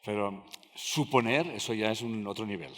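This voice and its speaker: A man's voice: lowish voice, moderate pace, fairly bright tone. A man giving a live lecture to an audience, telling anecdotes, acting out dialogues and often checking that listeners follow. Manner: talks with the audience, acts out dialogues, asks "¿me siguen?" often. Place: large lecture hall with audience. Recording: reverberant hall.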